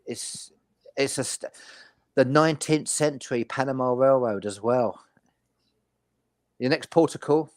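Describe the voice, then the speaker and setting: A man of medium pitch hosts a casual chat, presenting details and prompting others. The sound is very dry, with no room echo. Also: unhurried, pauses often. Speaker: host.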